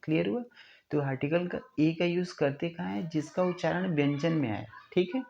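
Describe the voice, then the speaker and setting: Man teaching grammar, dark mellow voice. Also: fairly high pitch, lo-fi sound, slight background noise. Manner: explains step by step, often asking the listener "clear?"; stretches out sounds slowly to show pronunciation. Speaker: English teacher. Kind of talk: classroom grammar lesson.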